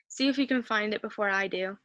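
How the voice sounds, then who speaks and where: The recording is lo-fi with no room sound, capturing a woman whose voice is a little high and fairly bright. In a reading comprehension lesson, she patiently goes through a worksheet, encouraging students and thinking aloud while searching the text.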